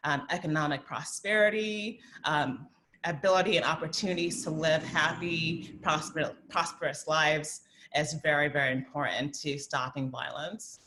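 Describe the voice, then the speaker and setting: A Southern American woman in her thirties, a guest speaker, talks at a community forum and takes questions. Her deep voice sounds pushed and bright with fairly even intonation, and she's thoughtful but speaks in quick bursts full of fillers. The audio quality is poor.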